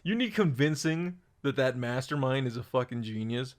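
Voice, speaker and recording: A man's voice: mid-range voice, animated, moderate pace. A young man co-hosting a casual podcast, teasing his friend, swearing and laughing often. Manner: teasing, profane, laughs a lot. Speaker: podcast co-host. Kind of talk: casual chat.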